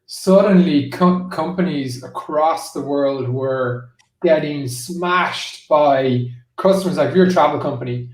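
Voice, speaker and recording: This is a marketing executive speaking as a guest in a business interview, his voice on the high side and unhurried. He explains things conversationally, leaning on "like" and "you know," and the recording has a roomy echo with him distant from the mic.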